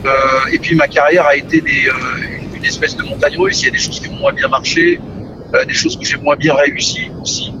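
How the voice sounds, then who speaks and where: Music plays behind a middle-aged musician as he discusses his career and family in a laid-back interview, stumbling and repeating himself often. His slightly high voice has huge pitch swings and a slightly fast pace. The recording has its highs cut off and a noisy background.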